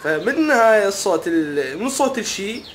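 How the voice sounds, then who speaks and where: Young man, Iraqi Arabic accent, high voice, animated teasing comic vlog, faint background hiss. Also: moderate pace. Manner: animated, mock-puzzled, teasing. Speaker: comedy vlogger.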